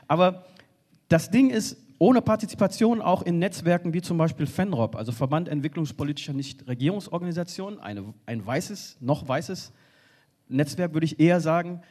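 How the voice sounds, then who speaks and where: A man speaking earnestly on a panel from a stage, often halting and restarting. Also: fairly high pitch, expressive, a little mellow. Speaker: panel speaker for a refugee organization. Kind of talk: spoken panel contribution. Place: stage in a hall.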